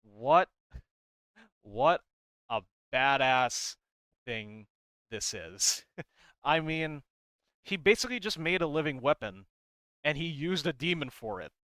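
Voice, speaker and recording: A man with a slightly high voice that's pushed and bright talks slowly with lively intonation and long pauses, recorded without echo. He hosts a loose lore breakdown of a game, commenting casually and uncertainly on a comic, rambling and reading bits aloud.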